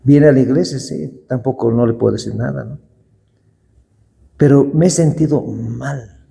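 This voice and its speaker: Warm-voiced pastor preaching. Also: male voice, mid-range voice, vocal fry. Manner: slow, deliberate scripture reading. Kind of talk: sermon. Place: church hall. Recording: long hall reverb.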